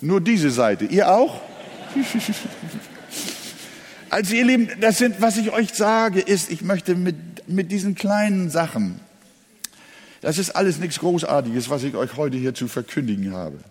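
A man's voice: high-pitched, animated, a little slow, husky. A male pastor preaching a sermon, leaning hard on single words and repeating key phrases. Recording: long hall reverb.

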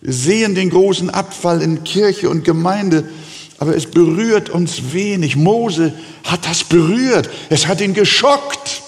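Slow gravelly preaching man in a hall. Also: high-pitched. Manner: earnest, pleading preaching with slow emphatic pauses. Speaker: pastor. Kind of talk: sermon.

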